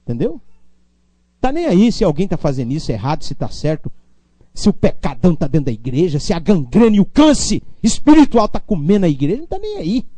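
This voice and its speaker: A man from Brazil delivering a sermon, his high voice leaping up and down as he moves from quiet asides to raised appeals and calls for amens. The tone is dark and mellow despite the high pitch, and the sound is dry and close. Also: big pitch swings, a little fast, no room sound. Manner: preaching with call-and-response amens, swinging from low to loud. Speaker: pastor.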